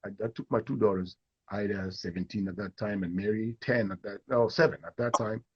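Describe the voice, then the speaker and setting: Telling stories during a live interview, this middle-aged actor from Kenya performs the voices of those he quotes with animated flair. He speaks briskly in a fairly low voice with a breathy edge, and the sound is lo-fi.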